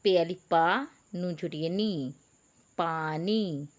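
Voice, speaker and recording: A woman teacher gives an online reading lesson for young pupils. She spells out letters one by one and repeats each word, calling the children beta. Her voice sits a touch low. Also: a little mellow. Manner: patient, spells out letters slowly.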